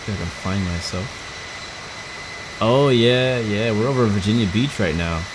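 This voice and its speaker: A woman from Houston, Texas, chats casually with viewers while flying in a live flight-sim stream, rambling and often stumbling and restarting. She has a bass voice and speaks at a moderate pace, with background noise audible.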